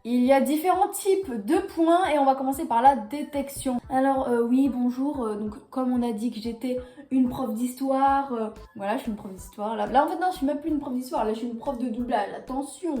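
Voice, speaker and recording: A woman's voice: sits high, a little fast, mellow. A woman vlogger explaining in a casual, jokey and self-mocking way, with many fillers. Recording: echoey room.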